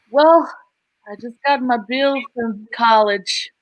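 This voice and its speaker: A woman improviser playing a scene, playful and quick to change her tone. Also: a little high, no echo. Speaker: improv player.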